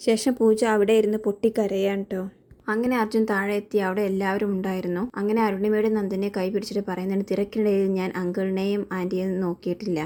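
A woman's voice: medium pitch, flat delivery, quick pace, mellow. A woman host casually retelling a TV serial episode, reading the characters' dialogue in her own voice.

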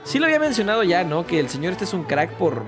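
A man's voice: sits high, big pitch swings, fast, music in the background. A man with a Mexican accent, chatting casually and joking while he plays and comments on a game. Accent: Mexican Spanish. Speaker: gaming YouTuber.

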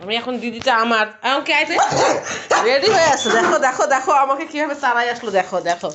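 A woman's voice: sits high, lively intonation, fast, very noisy. A woman filming her dog at home, switching between playful mock scolding and cooing baby talk.

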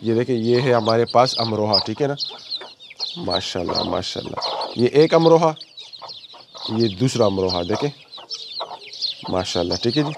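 A hoarse man, a poultry breeder chatting casually through a walkthrough and coaxing his birds. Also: medium pitch, moderate pace. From Pakistan. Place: outdoor yard by chicken cages. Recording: noisy outdoor recording with chickens. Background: clucking chickens.

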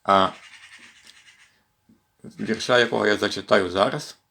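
A man from western Ukraine reading poems aloud in an expressive recitation during a home livestream. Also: fairly low pitch, a little slow, creaky. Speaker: poetry reader in a volunteer series. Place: at home with his cat.

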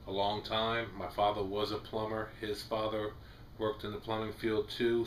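A Southern US man in his forties, a homestead vlogger, talks casually through a how-to video from a small wood-paneled room. His fairly low, fairly bright voice is plain-spoken and rambles a little with restarts and fillers, over slight background noise.

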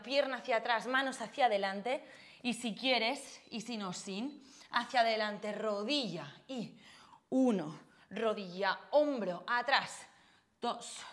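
Young woman coaching a workout, out of breath, counting reps slowly, kinda high voice. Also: a bit bright. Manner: counts reps while exercising, short breathy cues and puffs. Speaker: fitness instructor. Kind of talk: workout class cueing with counts.

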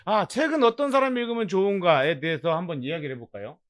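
High-voiced man with dry jokes. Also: quick pace, a bit bright. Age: 40s. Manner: dry joking asides. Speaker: co-author and co-host. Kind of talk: livestream book promotion chat.

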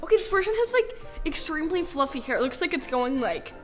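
Soft music plays in the background as a young woman films a blindfold challenge in her bright living room. Her high voice swings widely in pitch, and she's giggly and dramatic, reacting quickly in excited, casual chat.

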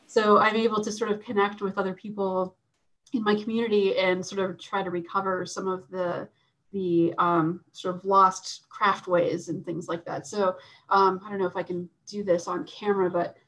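A woman's voice: mid-range voice, level tone, moderate pace, fairly bright tone, low-quality recording. Hesitant woman on a video call. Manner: hesitant, many fillers and laughs. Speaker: panel guest, artist. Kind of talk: casual discussion on a video call.

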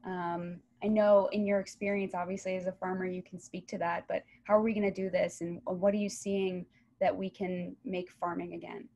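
Woman moderator with a gravelly voice. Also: fairly low pitch, flat delivery, moderate pace, dark tone. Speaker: webinar moderator. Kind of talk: moderating a panel. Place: home room. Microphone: laptop webcam on a video call.

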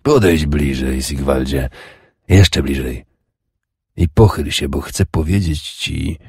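A dying old king rasps and growls out his contempt, voiced by a male narrator. His voice sits extremely low and gravelly, and it sounds husky and worn. The sound is close and dry. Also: takes it slowly, no echo, full character voice. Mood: scornful. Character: old wounded Danish king, scornful and bitter.

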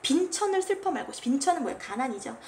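Lively-pitched woman teaching, always checking in. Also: fast talker, vocal fry, slight background noise. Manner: chatty, keeps checking in with listeners; acts out the poet's commands in a scolding voice. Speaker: Korean literature teacher. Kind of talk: classroom lecture explaining a classical poem.

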